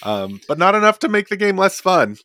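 A man's voice: high-pitched, sing-song, brisk, pushed and bright, dry recording. Man, rambling podcast host, filler-heavy casual talk, dry close mic. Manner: rambling, lots of fillers and likes. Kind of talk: casual chat. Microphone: desk podcast mic.

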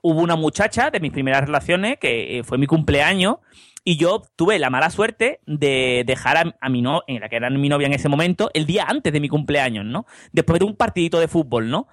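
High-voiced Andalusian man rambling. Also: lively intonation, fairly quick, fairly bright tone, no echo. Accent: Andalusian Spanish. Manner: rambling, keeps adding "¿no?". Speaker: podcast co-host. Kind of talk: casual storytelling chat.

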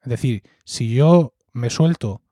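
A podcast co-host from Murcia, Spain, with a Murcian accent, shares fond, reflective stories in casual conversation, often ending lines with a questioning "¿no?". His mid-range voice is warm and slow. The recording is dry and studio quality.

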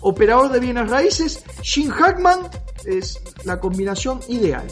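Deadpan podcast co-host. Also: mid-range voice, a little slow, soft background music. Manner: deadpan, confidently enthusiastic. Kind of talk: casual podcast banter.

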